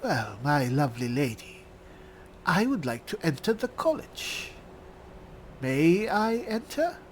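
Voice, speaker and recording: A proud, elderly high elf spellsword, played by a man in a fantasy game roleplay. He talks high and unhurried, with a courtly, self-satisfied air. A faint hiss sits under the voice. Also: sing-song, poor audio. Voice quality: genteel, mannered courtesy.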